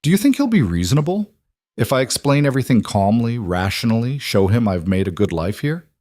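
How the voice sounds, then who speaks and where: A man's voice: mid-range voice, brisk, no echo, clean studio sound, natural voice. A man voicing a determined, educated young woman who speaks steadily and formally. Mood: steady. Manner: steady and formal, holding herself together. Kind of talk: audiobook character voice.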